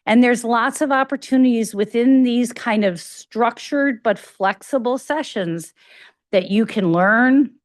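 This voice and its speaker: Her voice sits on the higher side, captured in clean studio sound without any room tone. Giving an academic grand rounds lecture with a slight Chicago accent, she keeps things conversational, often using fillers, restarting sentences and correcting herself.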